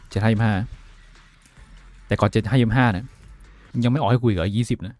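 A man streaming a game live, talking with his viewers in a profane, excitable way that swings between loud outbursts and quiet muttering. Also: fairly low pitch, fast. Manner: switches between shouting and muttering. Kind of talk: casual live-stream commentary.

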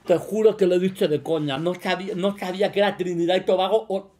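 Excitable man with a Spain Spanish accent. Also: sits high, fast talker. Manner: excitable, joking, boastful, bursts into shouts. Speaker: streamer playing a quiz. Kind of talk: casual gaming commentary.

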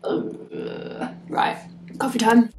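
A woman's voice: extremely slow, echoey room, a little hiss or hum. A woman, chatting upbeat to a handheld camera in her home kitchen. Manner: chatty and upbeat, lively exclamations. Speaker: vlogger. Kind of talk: casual chat to camera.

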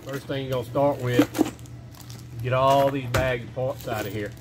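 A man's voice: medium pitch, steady tone, moderate pace. A middle-aged man in his workshop, walking through a repair step by step in a casual, folksy way. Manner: plain step-by-step talk with folksy phrasing. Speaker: shop owner showing a repair. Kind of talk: casual how-to instruction. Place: indoor workshop. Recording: music playing underneath. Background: background music.

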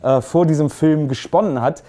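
A man's voice: a little high, normal speed, dark tone. A man hosting a casual film review show, talking in a sarcastic, ranting way. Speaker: film critic, show host.

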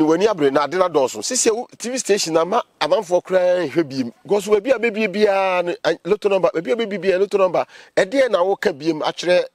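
A Ghanaian man conducts an interview in a conversational, halting style. His fairly high voice moves up and down a lot and comes in quick bursts. He asks questions as the interviewer. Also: darkish tone, no room sound, studio quality. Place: outdoors among trees.

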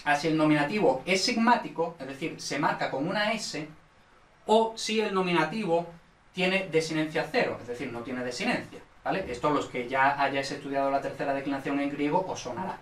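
Male teacher, bright tone, roomy echo from a distance, explanatory lesson delivery. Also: on the high side, brisk. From Spain. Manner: explanatory, frequent checks with "¿vale?" and "¿no?". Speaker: Latin teacher. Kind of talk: recorded online lesson.

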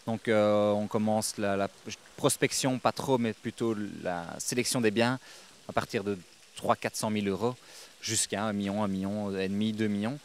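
A young man speaks in a low voice, measured and businesslike, often pausing on fillers. He is outdoors at a reception, talking into a handheld mic, with faint noise behind him. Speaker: real estate agent. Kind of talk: interview answers. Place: outdoors on a lawn. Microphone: interviewer's handheld microphone.

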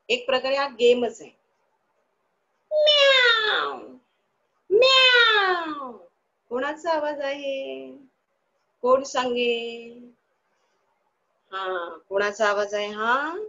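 A woman's voice: a little high, steady tone, takes it slowly, pauses often, highs cut off. A woman teaching young children in an online class, asking the class questions and answering them herself in a sing-song, coaxing way.

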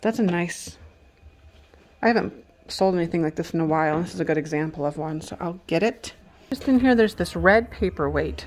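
A woman walking through an estate sale indoors, chatting casually to her handheld phone camera, exclaiming and thinking aloud about prices. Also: fairly low pitch. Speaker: vintage reseller vlogger. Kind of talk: casual walk-through narration.

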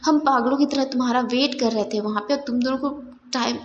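Woman storyteller doing a bossy young sister, scolding tone, high voice, faint room hum. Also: normal speed, muffled recording, lightly acted. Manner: scolding, exasperated.

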